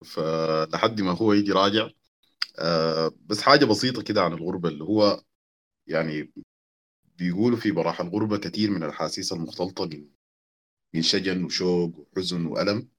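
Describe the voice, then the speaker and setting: A man speaking reflectively before reading poetry, measured with some hesitations. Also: sits low, fairly bright tone. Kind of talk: reflective spoken introduction to poetry.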